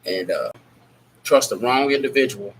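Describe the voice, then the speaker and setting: A man hosting a laid-back live Q&A speaks at medium pitch and normal speed. His stuffy nose and scratchy throat make him sound nasal. He's rambling and blunt, candidly chatting and reading out chat names.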